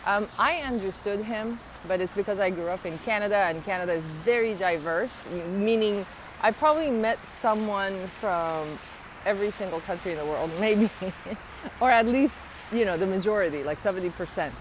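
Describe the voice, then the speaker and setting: A vlogger with a medium-pitched voice and a slight foreign accent talks to her viewers at a normal speed, with background noise behind her. Born abroad, she moved to the United States at twelve, and her casual, earnest opinion vlog is full of ums and rising, emphatic questions.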